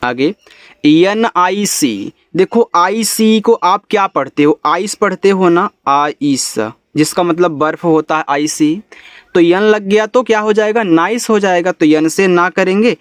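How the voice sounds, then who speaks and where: Guy teaching english spelling, a bit high voice, dry close sound. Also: dry recording. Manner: spells out letters slowly, then explains in Hindi. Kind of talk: spelling lesson.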